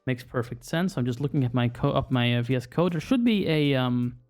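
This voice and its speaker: Casual man thinking aloud at mid pitch. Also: a little fast, soft background music. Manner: relaxed, rambling, thinks aloud with many fillers. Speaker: screen reader user presenting a tutorial. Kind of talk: casual walkthrough narration.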